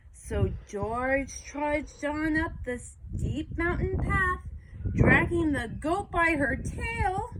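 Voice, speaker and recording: A woman reading a children's picture book aloud, expressive and unhurried. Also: fairly high pitch, very noisy. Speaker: storybook reader.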